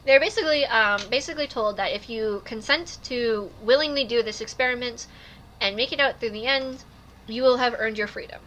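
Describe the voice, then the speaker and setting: A woman's voice: fairly high pitch, a little fast, a bit bright, a little hiss or hum. A woman co-hosting a casual podcast, playful and jokey, repeating her catchphrases. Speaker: podcast co-host.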